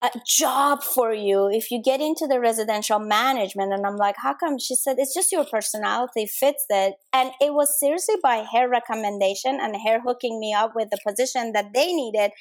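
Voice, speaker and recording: A woman's voice: on the high side, fairly quick, few pauses. A middle-aged woman from Denmark, a podcast guest chatting casually and often repeating words as she searches for phrasing. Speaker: guest, cake business owner.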